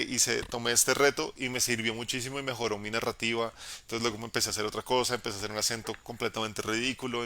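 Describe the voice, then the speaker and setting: A young man, a game master giving an encouraging, casual live talk about narrating, in a low tenor voice with frequent restarts. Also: sharp tone. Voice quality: lowish tenor voice. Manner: encouraging, conversational, many restarts. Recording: dry live stream audio.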